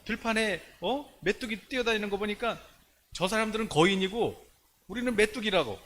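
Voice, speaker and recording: A man with a high-pitched voice preaching a sermon from the pulpit. He tells the story with animated energy and keeps firing rhetorical questions at the congregation. A faint hiss of noise sits under his voice. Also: normal speed. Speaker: pastor.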